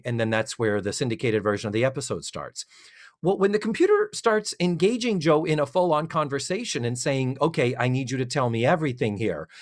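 Middle-aged co-host, animated and rambling, acts out quotes with a lively, swinging pitch. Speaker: podcast co-host. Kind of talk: casual chat recapping a TV episode.

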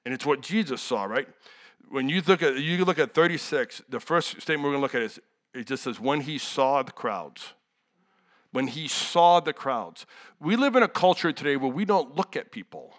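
A man's voice: mid-range voice, animated, moderate pace, a bit bright. A young adult man preaching a sermon in a candid, conversational way, full of asides and rhetorical questions.

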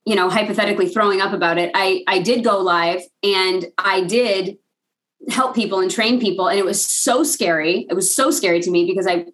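A woman speaker and coach, a guest on an interview show, telling her story with lively, candid energy and easy laughter. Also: medium pitch, brisk, poor audio. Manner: lively, laughs easily, acts out quoted voices.

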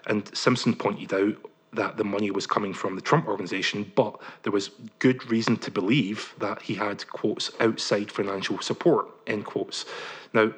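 A man with a husky, slightly low voice. He is a journalist working through detailed answers, careful and measured, filling his pauses with ums. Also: steady tone. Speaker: journalist guest. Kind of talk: interview answers.

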